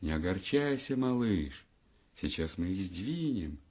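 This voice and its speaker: A man voicing calm, sighing mother Night. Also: low voice, unhurried, slightly rough, exaggerated voice. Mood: soothing. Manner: soft, soothing, sighing. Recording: dull lo-fi audiobook recording.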